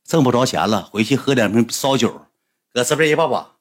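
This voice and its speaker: Husky man telling a rowdy tale. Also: mid-range voice, a little fast. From Northeast China. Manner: animated, blunt, swearing freely. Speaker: livestreamer. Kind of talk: casual storytelling to a livestream audience.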